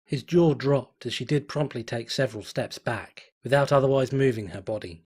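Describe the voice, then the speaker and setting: This fanfiction reader is a man narrating a fan story from home with slow, dramatic control, letting tension mount line by line. His voice rests at a typical mid-range male pitch and carries a slightly mellow, breathy edge.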